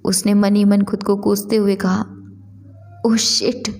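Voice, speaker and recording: A woman narrating a story in an expressive, conversational way. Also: mid-range voice, moderate pace.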